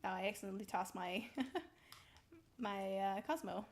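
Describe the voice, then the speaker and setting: A young woman casually talking through her building in a video game, rambling slowly with lots of ums and little laughs. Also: medium pitch. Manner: slow, rambling, giggly, full of ums. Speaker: streamer building in a survival game. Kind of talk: casual gameplay commentary.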